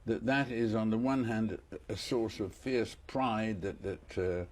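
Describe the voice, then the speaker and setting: A man's voice: on the low side, unhurried, darkish tone. A male interviewer who introduces his guest and asks long questions, often repeating words as he frames them. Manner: hesitant, repeats words while framing questions. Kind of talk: broadcast interview.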